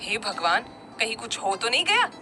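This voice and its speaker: A woman voicing a timid, clumsy young man who frightens easily and squeaks when panicked. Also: big pitch swings, normal speed, noisy background. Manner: sleepy mumbling, then panicky and high.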